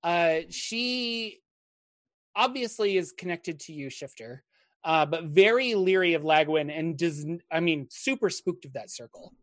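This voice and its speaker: A man's voice: on the high side, lively intonation, unhurried, no room sound. Dm guy narrating the game, lots of ums, dry close mic. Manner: hesitant, filler-heavy, laughing asides. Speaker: game master.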